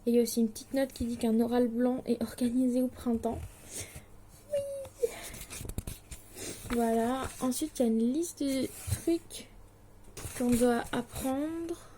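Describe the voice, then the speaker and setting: A young Swiss woman in her late teens, vlogging about her distance-learning studies, speaks at normal speed in a fairly high, warm voice with fairly even intonation. Her casual talk to the camera is hesitant, anxious and self-deprecating, packed with fillers, over a little hiss or hum.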